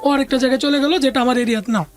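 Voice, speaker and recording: Speaking very fast in a high voice with fairly even intonation, this Bangladeshi-accented woman shares a personal story as a guest on an interview. Her Bengali is relaxed and conversational, sprinkled with occasional English business terms, and music runs underneath.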